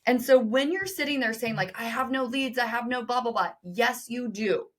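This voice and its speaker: A woman guest on a podcast interview, talking emphatically and directly to listeners, with quick bursts of speech. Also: fairly high pitch, a bit bright. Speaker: podcast guest, business co-founder. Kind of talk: energetic interview talk.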